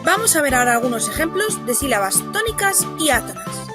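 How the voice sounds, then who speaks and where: Speaking with a Spain Spanish accent, a woman gives a children's grammar lesson from a script, spelling example words slowly and drawing them out. She sounds high-pitched and very animated, with loud children's music in the background.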